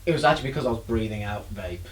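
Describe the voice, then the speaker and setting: A man's voice: on the low side, expressive, very fast, poor audio. A man, co-hosting a podcast in casual, teasing, profane banter. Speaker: podcast co-host.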